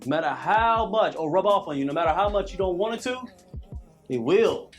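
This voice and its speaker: A man in his thirties coaches a workout in a notably high voice. He repeats his cues over and over and drifts into preachy talk, while faint music plays underneath. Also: expressive, a little fast. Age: 30s. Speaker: fitness coach.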